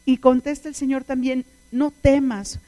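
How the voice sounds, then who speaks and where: A woman's voice: high-pitched, steady tone, a little slow, warm tone. A woman, preaching a sermon in an earnest, pleading way full of questions.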